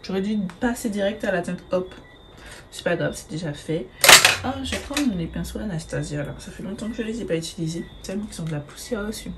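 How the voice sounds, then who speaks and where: A woman's voice: medium pitch, lively intonation, a little fast, very noisy. A woman, chatting casually through a makeup tutorial, hesitant with many fillers and the odd swear word. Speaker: beauty vlogger.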